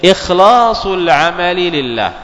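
Man, fairly high voice, religious lesson, measured delivery, half-chanted quotes, long hall echo. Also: sing-song, a bit bright. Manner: measured, repeats key phrases, half-chants quotations. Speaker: Islamic scholar teaching. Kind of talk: religious lesson explaining hadith.

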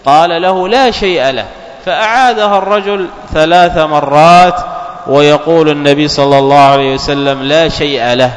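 A man giving a religious lesson, explaining texts in a measured way, repeating key phrases and half-chanting quotations. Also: on the high side. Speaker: Islamic scholar teaching. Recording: long hall reverb.

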